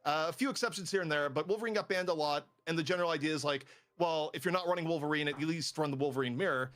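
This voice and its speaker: A man calling an esports match play by play, building excitement on big moments and offering analysis between fights. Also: on the high side, very fast. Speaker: esports caster. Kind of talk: hype play-by-play commentary.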